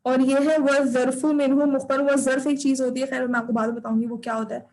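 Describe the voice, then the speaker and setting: A woman's voice: sits high, flat delivery, quick pace, darkish tone, low-quality recording. A woman teaching an online class, patiently drilling recitation and repeating her corrections over a video call.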